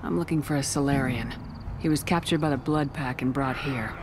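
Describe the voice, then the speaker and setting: Direct, businesslike Commander Shepard. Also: female voice, rumbling low, fairly quick, noisy background. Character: tough, businesslike female space-soldier commander. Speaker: military commander. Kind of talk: video game acting.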